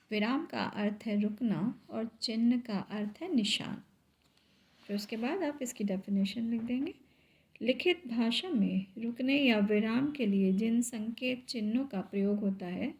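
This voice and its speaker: Woman, teacher, slow, higher voice, step-by-step explaining. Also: a little mellow. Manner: slow, explains step by step, asks and answers own questions. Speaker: school teacher. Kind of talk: grammar lesson.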